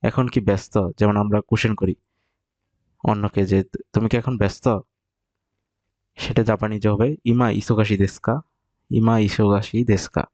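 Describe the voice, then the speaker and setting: A man teaching Japanese vocabulary, explaining step by step and repeating example phrases slowly. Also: on the low side, little pitch movement, darkish tone, no echo, dull audio. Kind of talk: recorded vocabulary lesson.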